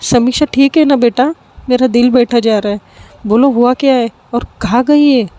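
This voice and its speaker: A woman's voice: a little high, moderate pace, warm tone, voice pushed up, lightly acted. A woman voicing an anxious middle-aged mother who questions her daughter with worry. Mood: worried.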